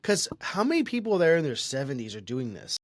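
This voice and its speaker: A man's voice: on the high side, sing-song, a little fast, no echo, studio quality. A young man co-hosting a tech podcast, talking in a chatty, opinionated, rambling way with frequent restarts. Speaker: podcast co-host. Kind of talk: casual tech podcast chat.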